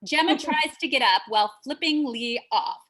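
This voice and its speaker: A woman's voice: high-pitched, normal speed, a bit bright, poor audio. A woman reading out stage directions for an audio drama, matter-of-fact with wry asides. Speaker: narrator.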